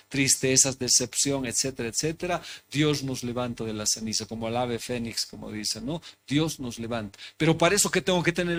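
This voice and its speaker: A man preaching a sermon in church who keeps asking his congregation questions and repeating his phrases. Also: mid-range voice. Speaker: pastor. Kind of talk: interactive sermon. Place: church hall.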